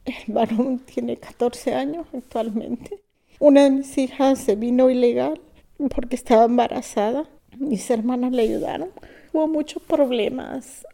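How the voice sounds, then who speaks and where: A Salvadoran woman in her fifties, an immigrant learning English, giving a halting, soft personal testimony that sometimes drops to a whisper. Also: high voice, gravelly. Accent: Salvadoran Spanish.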